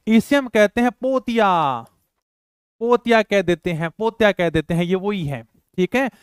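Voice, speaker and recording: A man's voice: high-pitched, clear, resonant tone, dry recording, clean studio sound. A male teacher giving an exam-prep lecture. He repeats each term several times and asks and answers his own questions.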